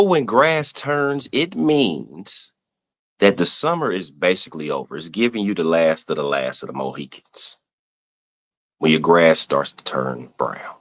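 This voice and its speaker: Deep, animated Southern man ranting. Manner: animated, playfully exasperated, swearing. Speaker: podcast host. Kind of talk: casual ranting monologue.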